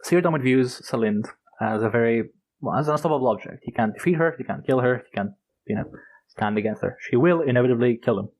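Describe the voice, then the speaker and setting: A man's voice: medium pitch, quick pace, a little mellow, poor audio. A man co-hosting a podcast, retelling book scenes in a casual, rambling and enthusiastic way, with lots of fillers and the odd swear word. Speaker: podcast co-host.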